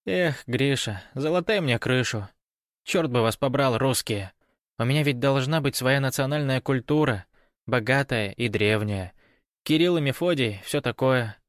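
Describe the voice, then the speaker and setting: A man's voice: mid-range voice, a little slow, no room sound, studio quality, voice pushed up, lightly acted. A man voicing a gloomy, wry man who speaks in a mournful way.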